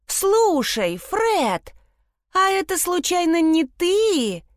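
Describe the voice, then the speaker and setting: A woman's voice: very high-pitched, big pitch swings, extremely slow, no echo, clean studio sound, pitched above the performer's own voice, heavily acted. A woman reading an audiobook, voicing a snippy young girl who teases the boys. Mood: mocking. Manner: mocking.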